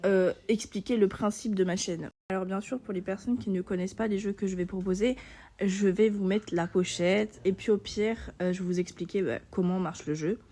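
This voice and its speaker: A young woman talks to her audience in a loose, chatty vlog style. She rambles and fills gaps with fillers as she lays out her plans. Her voice sits at an ordinary middle pitch. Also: steady tone, moderate pace, mellow. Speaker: beginner gaming YouTuber. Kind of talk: casual vlog chat.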